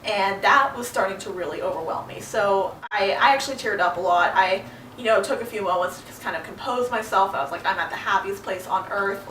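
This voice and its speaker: A young woman telling a personal story in a halting, earnest way, with many fillers. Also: medium pitch, fairly bright tone, echoey room, distant mic, a little hiss or hum, poor audio. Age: young adult. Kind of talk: personal monologue.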